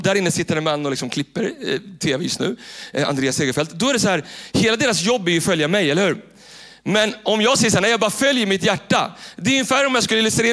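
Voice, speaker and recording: A man preaching a sermon from a church stage, his voice sitting high for a man. He keeps it animated, pushing loud and urgent in one passage and dropping to a hushed, intense tone in the next. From Sweden. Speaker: pastor. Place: church stage filmed by several cameras.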